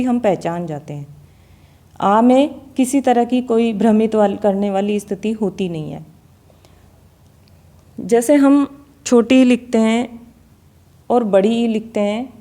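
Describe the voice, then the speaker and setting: A woman teaching a Hindi grammar lesson on vowel pronunciation, speaking deliberately and repeating example words to show each sound. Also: on the high side, dark tone.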